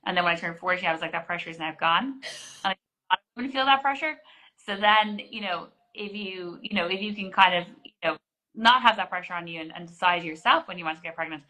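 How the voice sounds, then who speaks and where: A woman's voice: fairly low pitch, a little fast, pushed and bright, poor audio. A woman in her forties, a GP, answering interview questions in an explanatory way with many restarts. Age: 40s. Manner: explanatory, frequent restarts and fillers.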